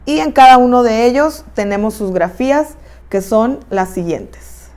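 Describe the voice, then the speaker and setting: A woman with a Mexican accent narrating a recorded online lesson, explaining terms step by step at a steady pace. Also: on the high side, a little slow. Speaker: teacher.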